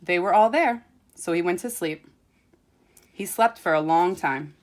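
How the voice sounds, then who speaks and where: A woman reading a children's storybook aloud like a teacher, expressively and deliberately, stressing repeated phrases. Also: fairly low pitch.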